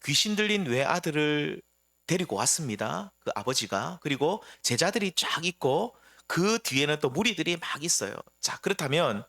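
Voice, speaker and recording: A man's voice: on the high side, sing-song, normal speed, fairly bright tone. A middle-aged man, a pastor preaching a sermon, asking the congregation rhetorical questions and retelling a scripture scene.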